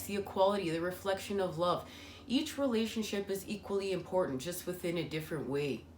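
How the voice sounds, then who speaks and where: A woman giving a spiritual tarot reading, talking earnestly and meandering with many fillers. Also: medium pitch. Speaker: tarot reader. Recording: echoey room with faint ambient noise.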